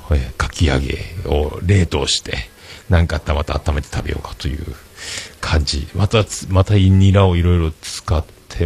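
A man with a deep, low voice chats alone on a livestream. His pitch swings widely as he rambles through his week, chatty and self-mocking. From Fukuoka, Japan. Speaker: livestream host. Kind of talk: casual solo livestream chat.

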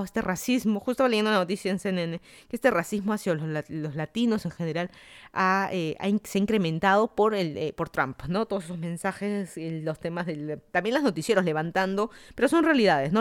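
A man's voice: high voice, a little mellow, clear, resonant tone. A man from Peru hosting a podcast, commenting on the news in a casual monologue and thinking aloud with frequent restarts. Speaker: podcast host.

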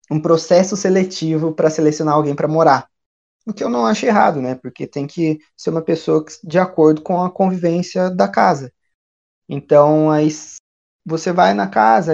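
A man from Brazil, chatting casually as a guest, with a relaxed, rambling way of telling stories. The recording sounds dull and lo-fi. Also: on the high side, gravelly. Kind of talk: casual chat.

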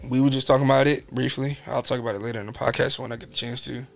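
A man's voice: medium pitch, level tone, very fast, creaky. A young man from New York hosting a podcast, telling stories casually and acting out quotes in a raised voice. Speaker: podcast host. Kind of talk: casual storytelling chat.

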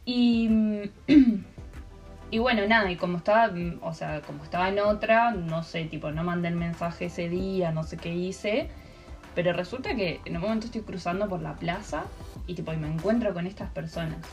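A woman's voice: lowish voice, normal speed, faint music behind. A young woman with an Argentine Spanish accent chatting casually, rambling through stories with lots of fillers. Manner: rambling storyteller with many fillers. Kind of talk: casual chat.

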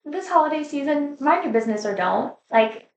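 A woman's voice: sits high, lively intonation, a little fast, darkish tone, a little hiss or hum. A woman co-hosting a podcast in casual chat, telling stories and teasing. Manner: chatty, storytelling, teasing. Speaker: podcast co-host. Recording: roomy, distant sound.

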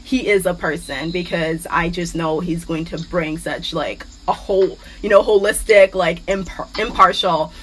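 A woman's voice: fairly low pitch, steady tone, normal speed, hardly any pauses, a little hiss or hum, rough recording. A young woman from Nigeria hosting a casual podcast chat, upbeat and laughing often, with many fillers. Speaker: podcast host.

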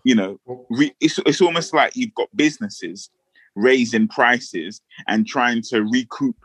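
A man's voice: medium pitch, measured pace, fairly bright tone, slightly rough, no room sound, low-quality recording. A male panel guest speaking earnestly, with hesitant phrasing and frequent fillers. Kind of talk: casual panel chat.

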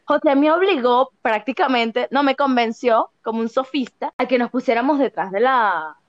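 A Venezuelan woman co-hosting a casual podcast, telling a story in an animated, gossipy way with sound effects. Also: fairly high pitch, normal speed. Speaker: podcast co-host. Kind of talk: casual chat. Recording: dull lo-fi dry sound.

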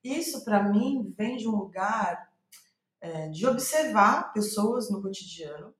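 In a slow, mid-range voice with lively intonation, this Brazilian Portuguese-accented playwright reflects during a podcast interview. She works through her ideas aloud, repeating phrases in new words, and the sound is roomy with noticeable echo.

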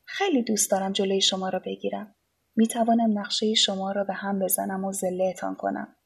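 A calm, needling artist in an audiobook, unbothered and faintly amused, as a woman reading aloud gives him voice. The tone stays husky and slightly breathy, pitched at an ordinary middle height. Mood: provoking. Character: aloof, mocking male artist on a cliff.

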